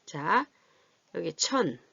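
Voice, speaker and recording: An adult literacy teacher patiently shows how to read and write large numbers in a classroom math lesson, often asking whether her learners follow and drawing out her counting as she writes. Her low-ish voice is creaky, bright, forceful and slightly rough, with big pitch swings. The lo-fi recording is dull and dry, with no room sound.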